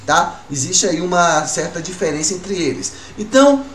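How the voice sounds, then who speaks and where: A man teaching a recorded music class to children, asking questions and answering them himself in a lively way. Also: sits high, normal speed, far from the mic. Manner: lively, talks to pupils as "gurizada", asks and answers his own questions. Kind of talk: recorded online class for kids. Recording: roomy, from off-mic, faint room noise.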